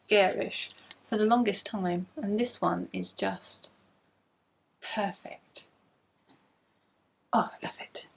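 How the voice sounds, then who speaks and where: A woman's voice: medium pitch, vocal fry. A woman hosting a casual video podcast, chatty and bubbly, gushing over things she shows to the camera at home. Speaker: podcast host.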